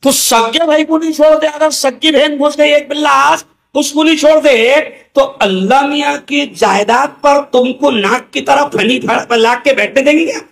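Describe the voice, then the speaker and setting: Mufti guy giving a fired-up speech, super high pitched and gravelly, keeps yelling at the crowd to answer back. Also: moderate pace, hardly any pauses. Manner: rhetorical call-and-response, urging the crowd to shout back; chants Arabic verses, then explains them. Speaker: mufti addressing a gathering. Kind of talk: fiery public speech.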